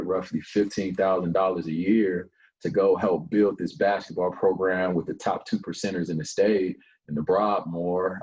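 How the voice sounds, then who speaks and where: A young man from Colorado Springs, a nonprofit founder, talking at length in a relaxed interview, with plenty of fillers along the way. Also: low-pitched, lo-fi sound. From Colorado Springs, USA. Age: young adult. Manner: long-winded, relaxed storyteller with frequent fillers. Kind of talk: casual interview chat.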